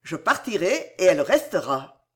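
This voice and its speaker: A woman reading an audiobook, voicing a troubled, impatient husband in a slightly lowered, curt, commanding voice. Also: very animated, moderate pace, a bit bright, husky, heavily acted. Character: brusque troubled married man, impatient.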